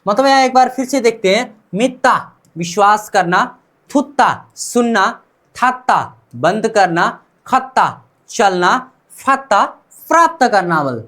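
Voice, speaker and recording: A man's voice: high voice, lively intonation, unhurried, a bit bright. A man teaching Korean pronunciation in a classroom-style lesson, asking "what?" and answering himself and repeating each sound several times.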